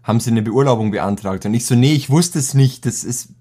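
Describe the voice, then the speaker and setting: A man's voice: mid-range voice, fairly quick, warm tone, husky. Slangy teenage guy telling a story. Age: teens. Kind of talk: casual chat.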